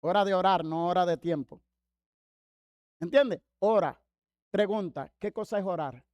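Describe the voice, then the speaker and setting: Lively high-voiced male pastor preaching. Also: unhurried, no echo, highs cut off. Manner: lively, talks to congregation by name, acts out quotes. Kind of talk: sermon. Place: church.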